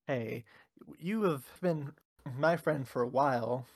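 A man's voice: mid-range voice, slow, vocal fry. A man co-hosting a casual chat, teasing and a little theatrical. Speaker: channel co-host.

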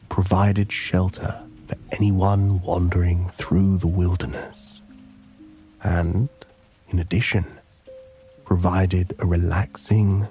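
A man with a low, mellow voice narrates a sleep story. He speaks very slowly in a hushed, breathy, soothing way, as in a guided relaxation. Soft music plays behind him.

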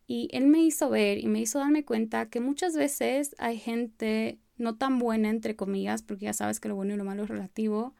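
Fast-talking woman podcast host, dry close sound. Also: a little high, creaky, a little mellow, no room sound. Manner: fast-talking, sometimes trips over words; light laughs between phrases. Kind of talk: solo podcast monologue.

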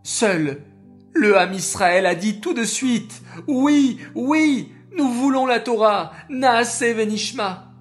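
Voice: mid-range voice, expressive, takes it slowly, soft background music, voice pushed up. Brief: impassioned patriarch defending his people, children's audio story, put on by the narrator. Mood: pleading, indignant. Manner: impassioned, pleading.

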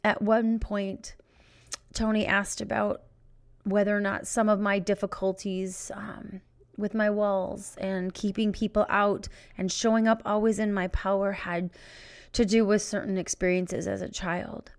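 A middle-aged woman hosting a podcast, telling a personal story in an emotional, halting way as she searches for words. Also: medium pitch, flat delivery. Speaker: podcast host. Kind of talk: personal reflective monologue.

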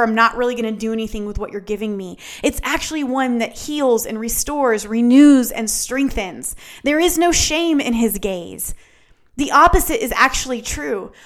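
A woman's voice: a little high, fairly bright tone. A woman hosting a faith-based teaching podcast, speaking earnestly and repeating phrases for emphasis. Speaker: podcast host.

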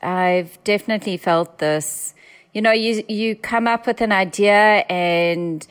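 A young South African woman speaks in a smooth, resonant voice. She talks steadily and fluently as a founder being interviewed, with only the odd um. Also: medium pitch, unhurried. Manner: fluent, steady, with occasional ums. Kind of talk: pitching her business in an interview.

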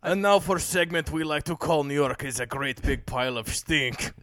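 A man's voice: a little high, normal speed, fairly bright tone, dry recording, lightly acted. A man voicing a segment announcer in a mock Russian accent, dropping his articles. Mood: announcing. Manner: clipped speech without articles.

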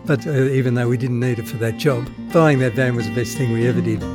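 An older man with an Australian accent tells stories in a relaxed, halting way, full of ums and self-amused laughs. He is outdoors on a street corner. A soft guitar plays faintly behind him. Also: medium pitch. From born in the Netherlands, raised in Australia. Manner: chatty, hesitant with many ums, laughs at his own stories. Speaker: climate activist, interviewee. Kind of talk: casual storytelling.

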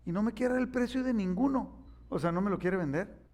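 A man's voice: high voice, a little fast. A middle-aged man, preaching a sermon as pastor and acting out the voices in his stories. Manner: animated storytelling, acting out quoted voices.

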